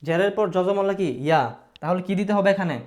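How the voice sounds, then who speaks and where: A fairly high-pitched man with a Bangladeshi Bengali accent teaches Quran recitation. He repeats each rule patiently and checks in with his pupils. He stretches out sounds as he models them. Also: fairly even intonation, darkish tone. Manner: patient, repetitive, asks pupils questions and models drawn-out sounds. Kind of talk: recitation lesson.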